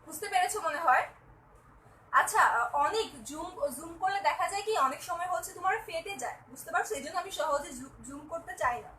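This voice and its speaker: A woman's voice: very high-pitched, quick pace, bright, forceful tone, roomy sound, recorded from a distance, slight background noise, low-quality recording. A young woman teaching a chemistry class live online, repeating each step and often asking whether the students follow.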